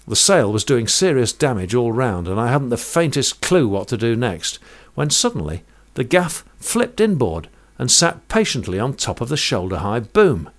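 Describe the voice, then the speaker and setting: A man's voice: mid-range voice, big pitch swings. Man telling a vivid sea tale. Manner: vivid, measured storytelling with sailing jargon. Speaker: narrator. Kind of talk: first-person sea-story narration.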